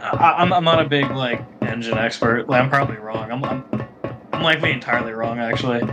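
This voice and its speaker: A man's voice: mid-range voice, fast talker, dull audio, over loud music. A young man casually chatting while watching a friend play, rambling with many filler words. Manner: chatty, lots of filler 'like', swears when annoyed. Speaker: spectating co-host. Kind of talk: casual gameplay chat.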